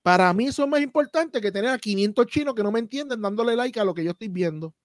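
A Puerto Rican man hosting a casual podcast, speaking with an emphatic, fired-up drive and swearing freely. His voice sits a bit high for a man, and the recording is close and dry with no room echo. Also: animated, fast talker. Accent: Puerto Rican Spanish. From Puerto Rico. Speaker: podcast host.

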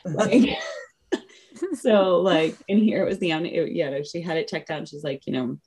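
A woman's voice: fairly low pitch, moderate pace, a little mellow, slightly rough. A woman casually telling a personal story as an interview guest, full of "like" and "you know" and quoting what she said back then. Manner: acts out her own past remarks in quotes.

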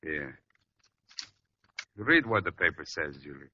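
An actor playing a ruthless gangster loan shark, with tough, sneering talk in a 1930s radio drama style. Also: male voice, rumbling low, sing-song, slow pace, exaggerated voice. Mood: menacing. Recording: dull lo-fi old radio recording with faint noise.

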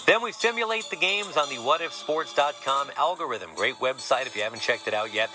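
A man's voice: mid-range voice, a little fast, rough recording. A man hosting a sports podcast, with a wry, joking delivery. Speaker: podcast host. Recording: music playing behind the voice.

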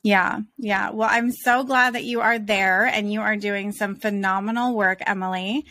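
A woman's voice: medium pitch, steady tone, normal speed, pushed and bright, no echo. A woman hosting an interview, asking questions in an encouraging way with frequent fillers. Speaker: interviewer host.

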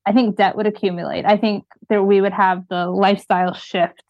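A woman's voice: medium pitch, little pitch movement, fairly quick, a little mellow, no room sound. A woman speaking casually as a guest in a coaching conversation, on slightly dull audio.

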